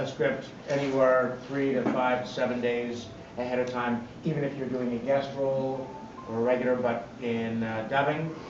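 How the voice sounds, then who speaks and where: Measured man explaining on a panel. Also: mid-range voice. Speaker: voice actor on a convention panel. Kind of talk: panel talk. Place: large convention hall. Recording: muffled, echoey hall from far off, noisy.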